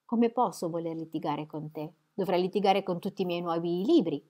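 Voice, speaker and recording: A woman voicing a spirited, sharp-witted young woman in an audiobook, her lines brisk and pointed and pitched above her narration. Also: natural voice. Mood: teasing. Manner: brisk and pointed, higher and louder than the narration. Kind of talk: audiobook reading.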